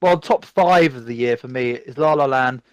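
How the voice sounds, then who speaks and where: A man's voice: medium pitch, moderate pace, no room sound. A man hosting a podcast, chatting casually and ranting at length about films. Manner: animated, rambling movie ranting. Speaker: podcast host. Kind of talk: casual chat.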